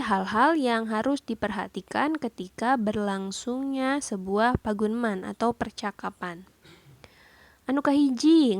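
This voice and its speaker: Slow, deliberate woman teacher. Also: a little high, no echo. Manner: explains each point then repeats it in a second language. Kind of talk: classroom lesson explanation.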